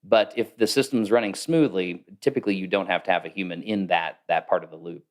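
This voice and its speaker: Podcast guest, male, low-pitched, explains at length in a relaxed interview. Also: fairly quick. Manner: thoughtful, explanatory, with fillers. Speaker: guest, AI consultant. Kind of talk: casual interview talk.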